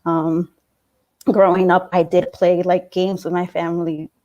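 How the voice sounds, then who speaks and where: A woman in her late twenties from New York City, talking in a casual interview about her school days, thoughtful, with frequent fillers and soft laughs. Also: on the low side, flat delivery, unhurried, lo-fi sound. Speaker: interview guest, alumna.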